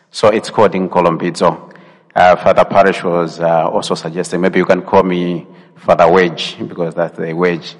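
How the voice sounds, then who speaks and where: A man from Malawi with a Malawian accent, a visiting priest introducing himself to a congregation in a measured way. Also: low voice. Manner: measured, with frequent um and uh. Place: church. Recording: long church reverb.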